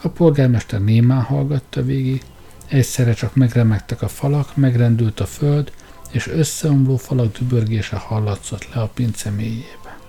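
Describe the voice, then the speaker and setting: Gravelly, dark-voiced male storyteller. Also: medium pitch. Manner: dramatic storytelling. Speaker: narrator. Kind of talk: audiobook reading.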